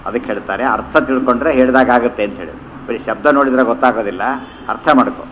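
Man, teacher, scripture commentary lecture, slow chanted verses, conversational explanations, rhetorical questions, mid-pitched voice. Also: fairly bright tone, a little hiss or hum, rough recording.

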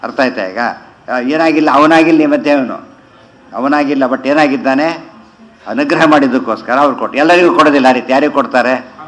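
Man slowly expounding scripture. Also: medium pitch, a bit bright, low-quality recording. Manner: chants verses slowly, then explains in quick conversational asides. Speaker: religious teacher. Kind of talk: scripture commentary lesson.

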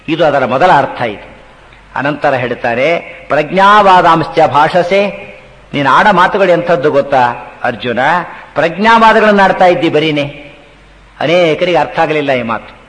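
A man giving a devotional sermon on scripture, chanting verses slowly and asking his listeners questions. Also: a little high, fairly bright tone. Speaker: religious discourse speaker. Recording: long reverb of a large hall.

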